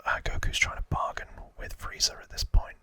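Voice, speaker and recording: Brisk and sharp in tone, this ASMR video host offers an informal whispered recap into a nearby microphone. The whisper is unvoiced, and he hesitates and rambles while correcting himself.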